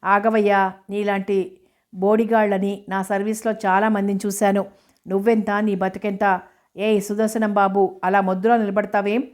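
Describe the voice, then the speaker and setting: A woman voicing a crude, pushy middle-aged female moneylender who talks roughly and scolds loudly. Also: mid-range voice, little pitch movement, moderate pace, natural voice. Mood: scolding.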